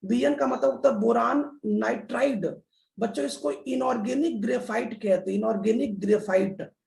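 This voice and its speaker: A man's voice: very high-pitched, normal speed, gravelly, darkish tone. A man teaching a chemistry lesson in a classroom style, repeating key terms and often addressing the children. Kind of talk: classroom lecture. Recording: echoey room.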